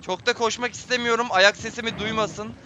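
High, bright-voiced man, jumpy game commentary. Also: steady tone, fairly quick, soft background music. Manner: tense, jumpy, talks to viewers. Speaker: gameplay streamer. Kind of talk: live horror game commentary.

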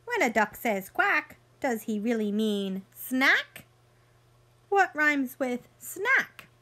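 This is a woman in her thirties with a high voice, reading a picture book to small children. She takes a teacherly tone, sing-song and expressive, and stops to put simple questions to them.

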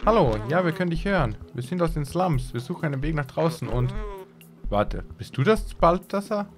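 A man's voice: moderate pace, close to an everyday voice. A man voicing an eager male robot companion in a video game, talking in a raised, emotional voice. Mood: excited. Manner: excited, emotional, pitch jumps up. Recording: game music playing behind.

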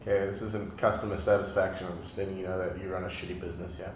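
A man's voice: sits low, flat delivery, rapid-fire, slight background noise. A man riffing crude jokes and rambling tangents while commenting on a game. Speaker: let's play commentator. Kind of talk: joking gameplay commentary. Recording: very echoey room with music.

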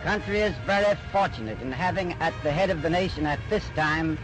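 A man's voice: fairly high pitch, normal speed. A man giving a stiff, formal statement as an economist, heard in an old newsreel recording. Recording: distant old newsreel sound with music.

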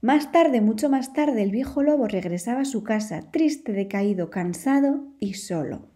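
A woman with a Spain Spanish accent reads a children's story aloud with expressive, lively delivery. Her voice sits high and has a soft, mellow tone. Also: moderate pace.

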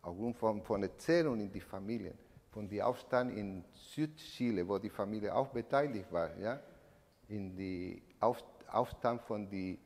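A Chilean man in his sixties, a native Spanish speaker with a Chilean accent, gives a personal eyewitness testimony to an audience while standing at a lectern in an indoor event room. His voice is low and a little mellow, and his non-native speech is halting as he searches for words. He speaks into a mic on a stand, and the hall is reverberant.

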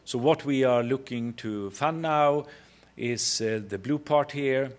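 Male executive, middle-aged, Swedish accent, medium-pitched voice, hesitant conference presenter at a podium. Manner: halting, hesitant delivery with frequent pauses. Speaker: company chief executive presenting. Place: conference hall stage at a podium.

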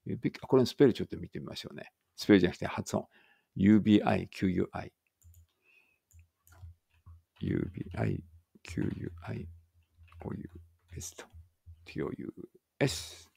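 Low gravelly guy teaching english, talks himself through it, reads slow and careful, dry close sound. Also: wildly swooping pitch, mellow, no room sound. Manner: thinks aloud, self-correcting, reads English slowly and carefully. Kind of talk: casual read-aloud English lesson.

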